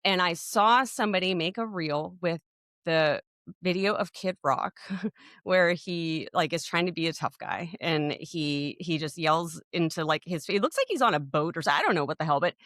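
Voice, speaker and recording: Speaking at a moderate pace in a slightly bright voice on the low side, a woman co-hosts a casual podcast chat. She rambles through a story with many restarts and fillers, recorded in a clean studio with no echo.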